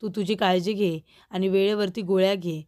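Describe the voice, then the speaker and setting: A kindly older uncle, gentle and coaxing with his wife, as a woman narrator reads him. Mellow, soft tone. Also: mid-range voice, steady tone, moderate pace, lightly acted.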